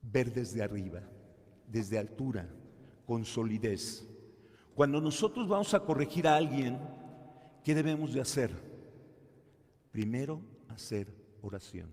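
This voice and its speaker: A man, a priest giving a homily at mass, telling stories slowly and acting out the people in them. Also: mid-range voice, lively intonation, darkish tone. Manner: slow, storytelling, acts out quoted people. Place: church during mass. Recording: reverberant church.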